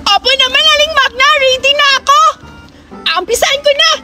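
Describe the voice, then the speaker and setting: A woman voicing a cheeky child who sings and shouts eagerly for a present. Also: fairly even intonation, a little fast, loud music behind the voice. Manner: shrill, cheeky, loud. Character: cheeky child Alexa singing for gifts.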